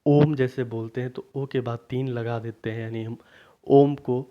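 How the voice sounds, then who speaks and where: A man teaching a grammar lesson for exam preparation, asking questions and then answering them himself, repeating key points slowly. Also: medium pitch, little pitch movement. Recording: dull lo-fi recording.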